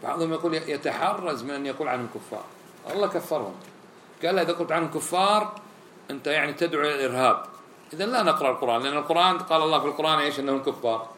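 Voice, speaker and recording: A man preaches, talking fast and with a fairly high voice. He acts out the people he quotes. The room gives his voice an echo, with faint sound behind it. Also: pushed and bright, a little hiss or hum. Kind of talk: sermon. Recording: roomy echo, faint ambience.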